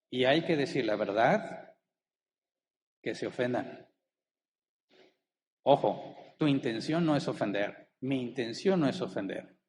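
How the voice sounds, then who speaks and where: A male pastor preaching a sermon. He keeps asking the congregation rhetorical questions and slows down to stress the key words. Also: medium pitch, in a large hall, slight background noise. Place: church hall.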